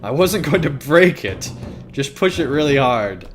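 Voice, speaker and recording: With soft music in the background, this gamer is very animated yet unhurried as he rambles through a story game. He reads on-screen text aloud now and then, corrects himself, restarts, and uses fillers, and his voice sometimes leaps very high for a joke.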